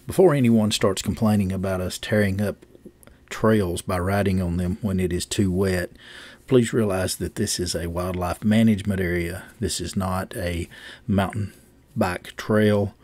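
A man's voice: low-pitched, steady tone, unhurried, darkish tone. A man in his forties narrating his ride video in a matter-of-fact, explaining voice-over. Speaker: vlogger.

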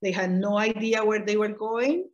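A middle-aged woman from Costa Rica, interviewed for an oral history, recalls her family's past from a room in her home. She speaks at medium pitch and unhurriedly, often pausing with "eh" and correcting herself. Captured through a video call webcam, the audio sounds dull.

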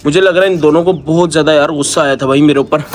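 A man's voice: on the high side, fairly even intonation, very fast, slight background noise. A man vlogging about his pet birds and rabbits in a chatty, affectionate way. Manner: chatty, affectionate, peppered with "yaar" and "bhai"; coaxing pets softly. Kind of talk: casual vlog narration.

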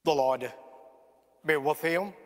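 A man serving as priest, reading the Gospel at a funeral Mass in a measured liturgical way, his voice ringing with cathedral echo. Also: a little high. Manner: slow, measured liturgical delivery. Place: large church. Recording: long church reverb, heard from a distance.

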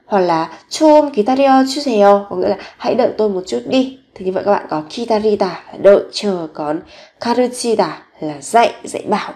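A woman teaching Korean vocabulary in a recorded lesson, slowly repeating each word several times. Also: medium pitch, warm tone.

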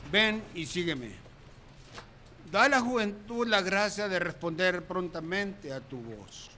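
High, bright-voiced deacon in his sixties. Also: animated, slow pace. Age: 60s. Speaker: deacon assisting at Mass. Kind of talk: read prayer and liturgical dismissal. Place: small open-sided chapel in daylight. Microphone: handheld or stand microphone, close. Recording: clear ambient background noise.

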